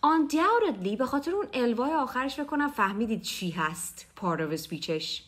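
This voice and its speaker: A woman from Iran, a native Persian speaker, teaching English vocabulary in Persian, with cheerful asides and slow, drawn-out English examples. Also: a little high, very animated. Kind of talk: bilingual vocabulary lesson.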